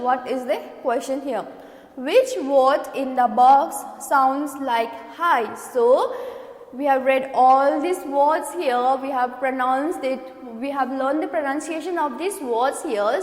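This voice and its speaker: A woman school teacher with an Indian English accent, teaching young children and spelling out words letter by letter while mixing in Hindi. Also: high-pitched. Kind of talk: classroom lesson for young children. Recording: echoey room with long reverb.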